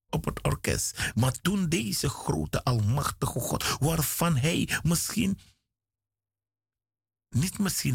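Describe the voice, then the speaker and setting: A man preaching a radio sermon, slow and emphatic, with dramatic swings and repeated phrases. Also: a little high, creaky, husky, no echo, clean studio sound. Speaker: guest preacher.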